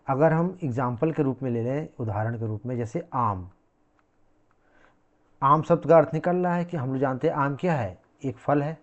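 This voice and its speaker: A man's voice: medium pitch, expressive, normal speed. Man teaching, dull lo-fi sound. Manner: repeats key words, quizzing the class with questions. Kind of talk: classroom lecture.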